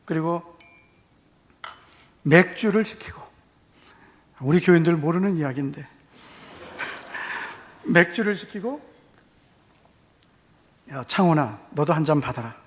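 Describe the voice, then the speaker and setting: A man with a Gyeongsang Korean accent preaching a testimony sermon, telling his story with lively acted-out dialogue. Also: fairly high pitch, slow, long pauses. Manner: animated storytelling, acting out dialogue. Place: church hall. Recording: long church reverb.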